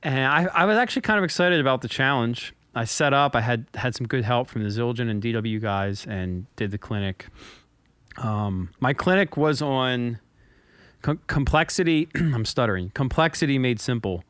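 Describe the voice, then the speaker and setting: A man's voice: medium pitch, lively intonation, moderate pace, a bit bright, smooth, no room sound. A man co-hosting a casual podcast, telling a rambling story with frequent restarts and stutters. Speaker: podcast co-host and drummer. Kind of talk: casual chat.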